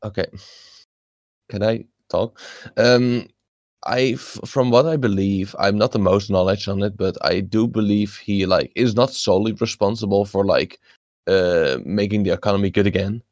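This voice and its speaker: A man's voice: fairly low pitch, steady tone, normal speed, a little mellow, no echo. A young man in a casual chat, hesitant and searching for words. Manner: hesitant, many fillers and restarts.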